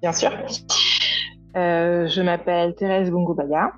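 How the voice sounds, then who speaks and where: A woman's voice: on the low side, steady tone, takes it slowly, darkish tone, no echo, highs cut off, faint music behind. A woman in her thirties from France, a guest on a podcast interview, speaking hesitantly with many fillers. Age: 30s. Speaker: guest, skincare founder.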